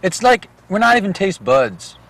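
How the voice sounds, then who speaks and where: An actor playing a mellow, sentimental dude in a comedic TV commercial. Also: male voice, high voice, sing-song, normal speed, full character voice. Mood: earnest, bonding. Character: mellow, earnest dude, sentimental about his taste buds.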